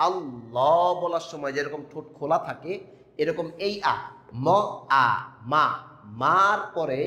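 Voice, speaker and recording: A man's voice: fairly high pitch, fairly bright tone. Emphatic man teaching in an echoey hall. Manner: emphatic, repeats rhetorical questions, spells out sounds. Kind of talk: instructional talk on pronunciation. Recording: echoey room with long reverb.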